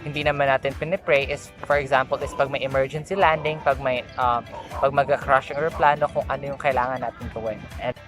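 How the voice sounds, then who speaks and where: Speaking fast in a mid-range voice with fairly even intonation, a Filipino-accented young adult practices scripted flight attendant announcements as a tourism student and chats as an amateur vlogger. The delivery is careful and formal but full of stumbles and retakes, with music and a sometimes barking dog behind.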